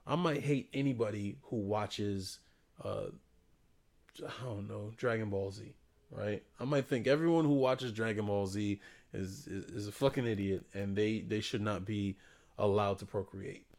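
A man's voice: lowish voice, measured pace, darkish tone. A young adult man co-hosting a podcast, giving blunt, profane, joking opinions in casual chat. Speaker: podcast co-host.

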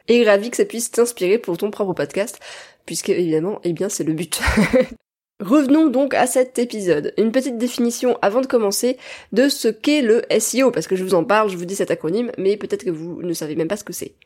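A woman's voice: medium pitch, fairly quick, a little mellow. French woman hosting a podcast. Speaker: podcast host. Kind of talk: podcast interview.

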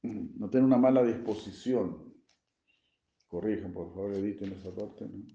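A man, a swami, giving a sermon-style scripture class, explaining gently with frequent tag questions and chuckling at his own jokes. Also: lowish voice, fairly even intonation, moderate pace, gravelly. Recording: echoey room, dull lo-fi sound.

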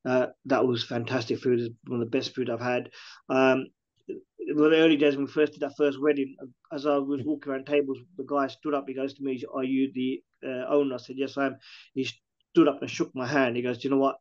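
A man's voice: mid-range voice, little pitch movement, a little fast, darkish tone, highs cut off. A man who owns a catering business, talking casually in an interview and retelling what his customers said. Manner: chatty, restarts often, retells customer quotes.

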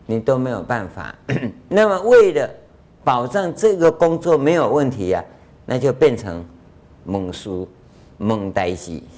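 An older man gives a Buddhist dharma lecture in a conversational way, full of rhetorical questions and drawn-out filler sounds. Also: mid-range voice, very animated, darkish tone. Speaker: Buddhist master giving a lecture.

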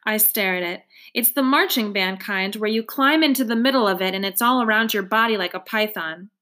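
A woman reading a novel aloud with expressive storytelling. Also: medium pitch, a little fast. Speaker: audiobook reader.

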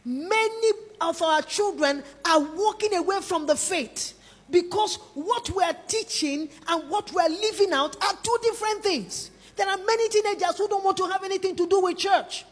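A woman preaches with a high, bright-pitched voice, pressing her points home with emphasis. She calls on the congregation to lift their hands and repeat after her. Her voice rings out with a long reverb through a large hall. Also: normal speed. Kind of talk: sermon.

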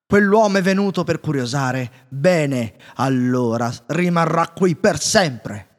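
A man voicing an angry male beast who owns a castle, speaking loudly and commandingly in a storybook reading. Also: on the high side, lively intonation, takes it slowly, long reverb tail, voice pushed up. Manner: loud and commanding.

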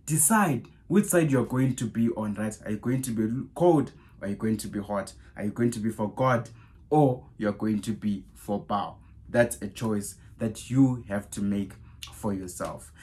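A man's voice: lowish voice, measured pace. Man preaching, fired-up and repetitive. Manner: rhetorical questions, keeps saying "guys" and "right?"; animated, raises voice on Bible quotes. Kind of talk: podcast sermon.

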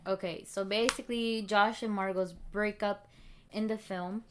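A woman's voice: mid-range voice, steady tone, a little slow, noisy background. A young woman co-hosting a podcast, chatting casually about a book and its film, with lots of fillers and restarts. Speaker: podcast co-host.

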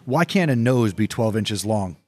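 Husky man joke teller with lively pitch. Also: normal speed. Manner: setup and punchline delivery. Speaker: host telling dad jokes. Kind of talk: joke teller, delivering one-liner dad jokes.

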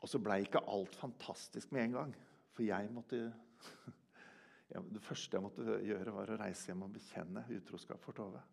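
An older man preaching a sermon in a church, earnest, swinging from loud emphasis to hushed quiet. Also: fairly low pitch, creaky, slightly rough. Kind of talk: sermon with personal testimony.

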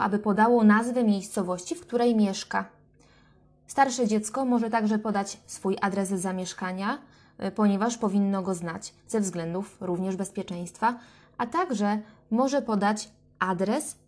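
A woman speech therapist calmly explaining language games for parents to play with their children, with short fillers between phrases. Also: mid-range voice. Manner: calm, clear explaining with fillers. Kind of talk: instructional talk to parents.

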